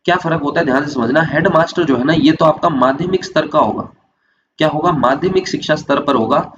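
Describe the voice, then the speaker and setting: A male coaching teacher, giving an exam-prep lecture. He keeps asking questions and answering them himself, slowing down to stress key terms. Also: on the high side. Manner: drills facts, slows down to stress key terms. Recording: slightly dull lo-fi audio with faint hum.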